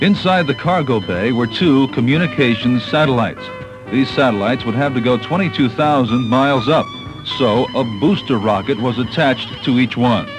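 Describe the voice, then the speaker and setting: Recorded on a 1980s cassette tape with background music, a man with an American accent and medium pitch reads scripted documentary narration; the audio is poor.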